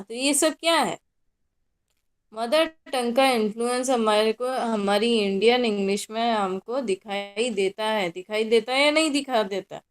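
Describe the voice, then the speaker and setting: A young female college lecturer with a Hindi accent teaches her class in a blend of Hindi and English, posing questions and then answering them herself. Her voice sits a little high.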